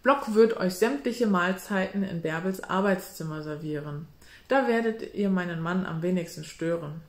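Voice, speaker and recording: A woman voicing a soft-spoken, doll-like mother in a storybook reading, soothing in manner, in a roomy echo. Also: fairly low pitch, moderate pace, lightly acted.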